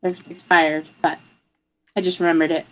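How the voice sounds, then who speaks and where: A woman's voice: fairly low pitch, level tone, moderate pace, fairly bright tone. A woman playing a tabletop game, chatty and hesitant with many fillers. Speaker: player. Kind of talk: casual tabletop play.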